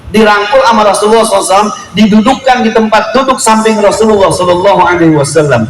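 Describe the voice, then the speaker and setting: A man preaching a storytelling sermon at a family celebration, lively and joking, acting out quotes in street slang. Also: high voice, racing, a little hiss or hum. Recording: echoey room with faint ambience.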